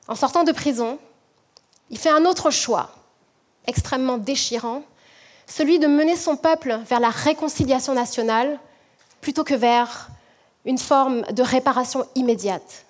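A high-pitched woman from French Guiana delivers a prepared talk as a management professor. She speaks in a measured, reflective way and slows down to stress key points.

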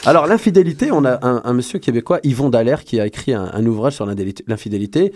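A man hosting a casual radio show, joking and teasing his co-hosts, often pausing on fillers as he talks. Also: mid-range voice, expressive, darkish tone. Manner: playful, teasing, hesitant with fillers.

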